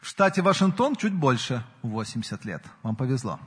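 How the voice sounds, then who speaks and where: Husky man preaching in a hall. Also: mid-range voice, sing-song, a little fast. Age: 40s. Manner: earnest, rises and falls in emphasis. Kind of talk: sermon. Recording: long hall reverb.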